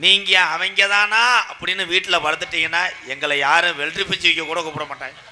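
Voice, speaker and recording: A man performing as a stage drama comedian, addressing a village crowd in a loud, declamatory way with joking asides, from an outdoor stage. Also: fairly high pitch, fairly even intonation, quick pace. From Tamil Nadu, India.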